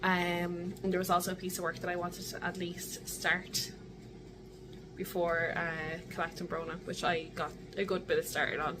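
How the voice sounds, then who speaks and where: A woman's voice: lowish voice, noisy background. A young adult woman with an Irish accent, chatting casually and in a rambling way, as in a video diary. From Ireland. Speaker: vlogger.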